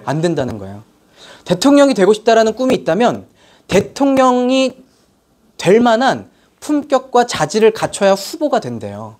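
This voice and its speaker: 여성 강연자, 이야기식 강의, 생동감 있는 억양, 중간 높이 목소리. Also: female voice, medium pitch, moderate pace. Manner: animated storytelling, questions to the audience. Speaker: seminar lecturer. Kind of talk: motivational sales seminar lecture.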